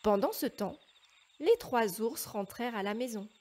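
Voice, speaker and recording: A woman narrating a children's fairy tale with slow, expressive storytelling. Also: on the high side.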